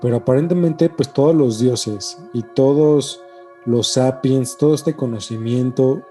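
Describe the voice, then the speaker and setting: This man is co-hosting a casual podcast on ancient mysteries, his Mexican accent carrying a dark, medium-pitched voice at a measured pace. He leans on slang, stresses his points, and frequently repeats himself, with music running behind him.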